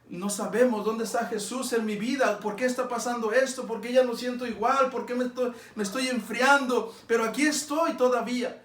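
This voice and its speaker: A man's voice: extremely high pitch, fairly bright tone, reverberant. A man preaching a sermon as pastor, earnest and pleading, asking his listeners many direct questions. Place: church sanctuary.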